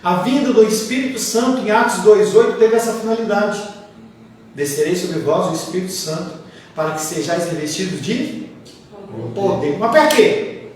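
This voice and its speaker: A Brazilian pastor with a high-set voice preaches in a relaxed, chatty way, drifting into everyday stories between points. He sits well back from the mic, so the voice comes through a very echoey church hall with faint room ambience. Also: normal speed, distant mic. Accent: Brazilian Portuguese. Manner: conversational preaching with asides and anecdotes. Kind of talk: sermon.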